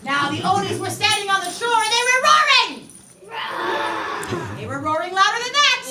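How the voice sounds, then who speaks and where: In a classroom, a woman leads a kindergarten puppet show with an extremely high-pitched, sing-song voice at normal speed. She tells the story theatrically and prompts the children to join in. The echoey recording is far from the mic, with music and a noisy crowd creating heavy background noise.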